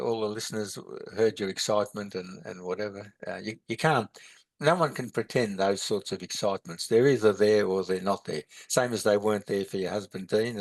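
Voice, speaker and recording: A man's voice: lowish voice, no echo. A man, teaching in a podcast chat, rambling with many halts and restarts. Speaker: meditation and philosophy teacher.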